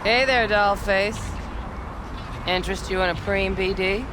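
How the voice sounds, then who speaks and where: An actress playing a sassy, tough club bouncer in a video game, with brusque, teasing, slangy talk. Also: female voice, mid-range voice, steady tone, unhurried, noisy background, lightly acted.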